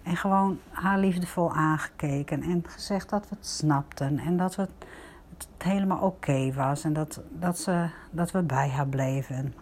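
An older woman, a grandmother, gently telling viewers a personal story in a reflective, casual way. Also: sits low, normal speed.

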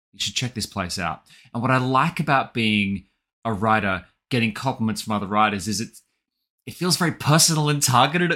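An Australian man, a guest author and audio drama writer, speaks in an interview with a mid-range voice. He comes across as reflective and articulate, with an animated, storyteller's manner.

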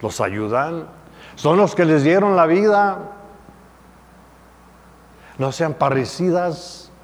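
A man's voice: fairly high pitch, expressive, slow, in a large hall. A man preaching a sermon as a priest, emphatic, with repeated rhetorical questions.

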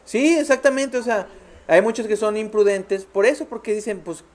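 A man with a Mexican accent, co-hosting a podcast in casual banter, joking and acting out characters in quick bits. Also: high-pitched. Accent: Mexican Spanish. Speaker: podcast co-host.

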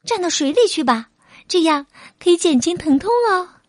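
Storybook figure: a woman doing a bright, squeaky little country mouse, gentle and eager, in a dry close sound. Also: animated, moderate pace, no room sound. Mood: welcoming. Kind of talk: storybook reading for children.

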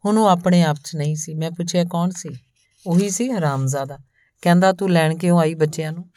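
A woman narrating a story in a calm, even storytelling manner, reading both the man telling it and the woman he meets. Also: on the low side. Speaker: audiobook narrator.

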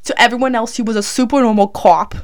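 Speaking fast with a fairly high pitch and a steady tone, this college student vlogger is a young woman telling a true crime story from inside a small clothes closet. Her indoor recording is chatty and meandering, full of fillers and moments where she corrects herself.

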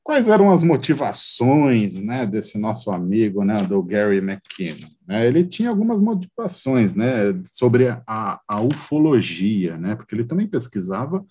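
A Brazilian man with a fairly low, husky voice hosts a podcast. He tells stories in an informal, explanatory way, pausing to search for words and often tacking on tag questions. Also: sing-song, mellow. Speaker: podcast host.

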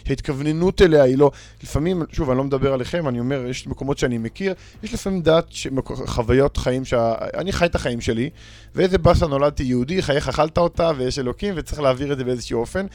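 A man's voice: medium pitch, hardly any pauses, a little mellow, no echo. A man, a panel guest and educator, speaking earnestly and restarting words as he searches for them. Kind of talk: reflective panel discussion.

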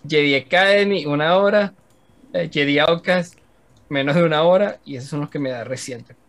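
Casting: young Venezuelan man, slightly high voice, rambling casual podcast co-host. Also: moderate pace, fairly bright tone. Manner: rambling, listing game hours with laughs. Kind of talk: casual chat.

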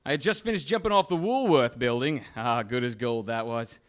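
A man's voice: medium pitch, brisk, lightly acted. A man playing a cheerful, cocky daredevil with a New Zealand accent and breezy slang in a comic audio drama. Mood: breezy, excited.

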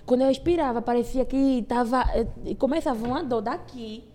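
A woman's voice: fairly high pitch, normal speed, slight background noise. A woman telling a dramatic story in casual chat, repeating herself for effect. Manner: animated, dramatic storytelling with repetitions.

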